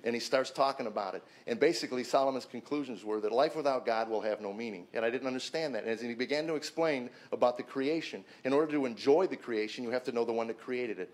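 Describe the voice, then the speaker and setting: At a men's gathering, a man in his fifties recounts his personal testimony at a quick clip with few pauses. His storytelling is emphatic, he repeats words when stuck, and his voice surges loud and high at key moments.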